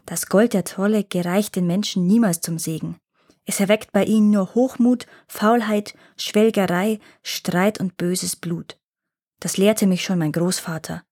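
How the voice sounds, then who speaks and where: A woman's voice: medium pitch, a little mellow. A woman doing a grumpy stern father gnome. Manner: grumbling, slow and stern. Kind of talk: storybook reading.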